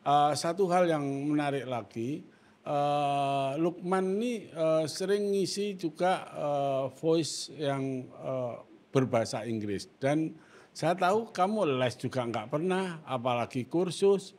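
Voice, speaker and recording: A man hosting a casual chat, thoughtful and hesitant, with many pauses and fillers. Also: fairly high pitch, darkish tone. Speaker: host.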